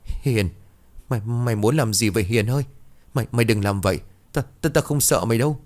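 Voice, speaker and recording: A man's voice: medium pitch, brisk, darkish tone, voice pushed up, close to an everyday voice. A man voicing a terrified, cowardly young man who stammers and pleads, trembling, in a narrated horror story. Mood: begging.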